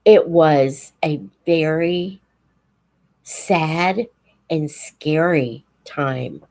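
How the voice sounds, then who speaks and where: Her voice is low, gravelly, and darkish: a 70-something American woman hosting a live stream and looking back informally. She pauses in the middle of sentences, reflects, and acts out remembered conversations.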